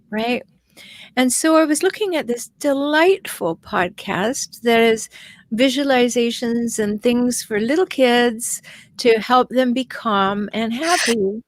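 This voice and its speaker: A woman guest speaking as a relationship expert on a casual podcast, telling stories in an animated way with many restarts. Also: a little high, dry recording.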